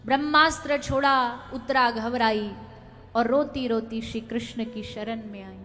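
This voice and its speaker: High, bright-voiced woman preaching a story. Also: fairly even intonation, a little slow, in a large hall, soft background music. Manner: dramatic, swells loud for emphasis, chants verses. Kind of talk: devotional scripture storytelling.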